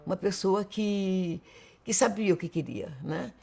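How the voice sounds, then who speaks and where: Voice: medium pitch, measured pace, creaky, warm tone. Speaker giving an emphatic testimonial. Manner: emphatic, repeats "né". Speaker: interviewee. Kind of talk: testimonial interview.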